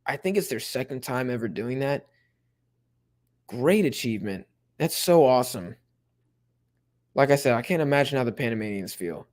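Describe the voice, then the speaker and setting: Young male streamer, relaxed chatty host who perks up at big plays. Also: medium pitch, moderate pace, long pauses. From Mexico-supporting fan. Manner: laid-back, chatty, bursts of excitement at plays. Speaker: watch-along host. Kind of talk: casual live commentary and chat reading.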